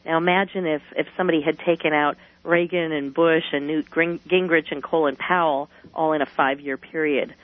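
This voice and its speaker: A woman's voice: deep voice, steady tone, a little fast, few pauses, dry recording. An American woman answering interview questions as a guest on a radio programme. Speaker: radio guest, magazine editor and author. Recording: tinny phone line.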